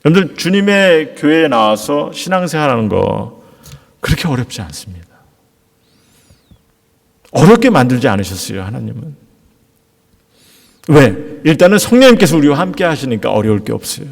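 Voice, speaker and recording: A middle-aged male pastor delivers a sermon in a lively, rising-and-falling voice with a gravelly edge. He talks earnestly and poses rhetorical questions to the congregation, and his voice trails off into a long reverb of a church hall. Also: mid-range voice, moderate pace, long pauses. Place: church sanctuary.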